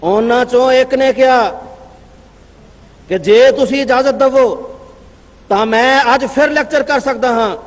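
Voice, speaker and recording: In a large hall with heavy reverb trailing every line, a man speaks at a convention with a notably high pitch and a Punjabi accent. His religious address is formal and declaimed, paced with long pauses, and he breaks off periodically to cite his sources aloud.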